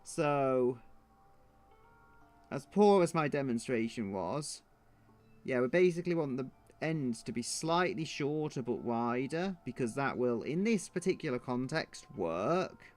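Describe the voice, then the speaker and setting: A man's voice: medium pitch, animated, a little slow, darkish tone, faint music behind. A man streaming his drawing, thinking aloud in a muttering, self-deprecating way.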